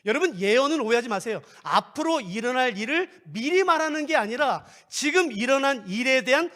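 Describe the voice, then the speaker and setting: A middle-aged male pastor preaching a sermon in an animated, playful way, acting out little scenes. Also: very high-pitched. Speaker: guest pastor. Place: church sanctuary.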